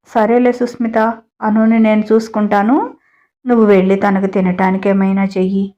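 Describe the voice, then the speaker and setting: A woman voicing a doting, sharp-tongued middle-aged mother-in-law in a read-aloud family story. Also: medium pitch, monotone, moderate pace, close to an everyday voice. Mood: bossy. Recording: dull lo-fi audio.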